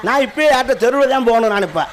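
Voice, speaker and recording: A man's voice: very high-pitched, lively intonation, rapid-fire, slight background noise. A man doing improvised comic banter on a village drama stage, teasing and laughing, speaking into a stage mic. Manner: teasing, laughing, rhyming insults.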